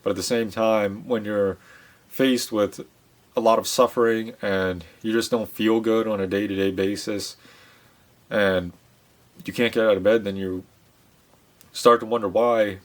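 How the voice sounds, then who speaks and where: A man giving a casual monologue to his audience, speaking in a subdued, reflective way with many pauses, fillers and restarts. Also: on the low side, fairly even intonation. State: subdued, low-spirited. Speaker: channel host.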